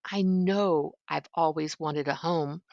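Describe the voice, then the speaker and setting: A small storybook toy bear, innocent and wistful as an older woman plays it. The delivery is grandmotherly and wondering, with a gravelly edge and a dry, close sound. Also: low-pitched, takes it slowly, a little mellow, no echo, muffled recording, exaggerated voice. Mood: contented, tender.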